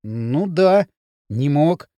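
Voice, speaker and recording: A male audiobook reader voicing a sullen, tough teenage boy who speaks curtly and gruffly. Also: a little high, expressive, very slow, warm tone, dry recording, voice pushed down. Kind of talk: audiobook character voice.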